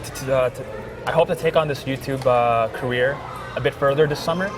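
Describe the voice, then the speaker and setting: A man's voice: medium pitch, brisk, noisy background. A young man, a filmmaker guest, talking in a casual interview with lots of "like" fillers. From Thailand. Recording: music playing behind.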